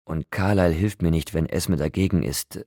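A man voicing a guilt-ridden young male vampire who speaks quietly and in a strained, hushed way. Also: deep voice, moderate pace, no room sound, studio quality. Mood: anguished.

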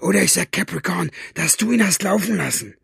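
A man's voice: high-pitched, moderate pace, creaky, sharp tone, husky, no echo, studio quality, pitched above the performer's own voice, full character voice. A man voicing a vicious male henchman behind bars, shrieking insults and threats. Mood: raging.

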